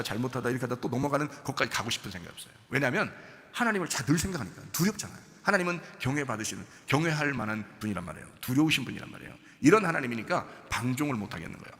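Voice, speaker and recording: A man's voice: medium pitch, sharp tone. A male pastor preaching a conversational sermon, often checking in with his listeners and acting out little quoted exchanges. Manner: acts out short quoted exchanges in his own voice. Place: church sanctuary. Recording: long church hall reverb.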